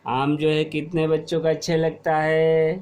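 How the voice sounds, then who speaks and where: A middle-aged man teaching a class, explaining slowly and asking questions, then repeating the answers. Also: a little high, monotone, noisy background. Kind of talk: classroom lesson.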